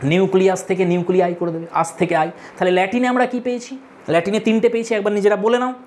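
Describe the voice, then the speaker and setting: A woman's voice: mid-range voice, a little mellow, a little hiss or hum. Patient woman teaching grammar. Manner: patient, spells words letter by letter, asks rhetorical questions. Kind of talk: classroom lesson.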